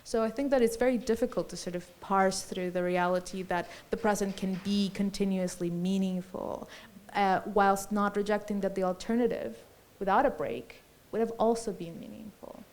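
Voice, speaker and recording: A woman's voice: medium pitch, fairly even intonation, normal speed, a little mellow. A woman in her forties, from Colombia, speaking reflectively and lyrically as a panelist at a festival discussion, with many fillers and restarts.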